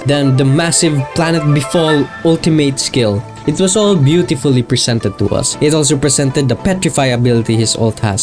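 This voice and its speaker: A video creator narrates a video essay casually, with enthusiasm and an informal style. His voice is medium-pitched and a little mellow, and guitar music plays behind him.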